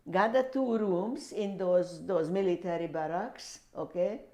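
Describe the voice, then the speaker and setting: An older woman being interviewed about her years as a refugee, speaking haltingly and repeating her words. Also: lowish voice, darkish tone. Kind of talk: oral history interview.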